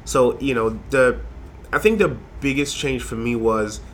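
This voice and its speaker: A man's voice: mid-range voice, unhurried, slight background noise. A young man from Haiti, a design lecturer, talking as a guest in a casual interview, rambling with many fillers and restarts.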